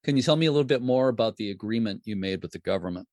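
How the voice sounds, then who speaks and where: Man, podcast host, low voice, dry close sound, relaxed friendly interviewer. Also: very fast, no echo.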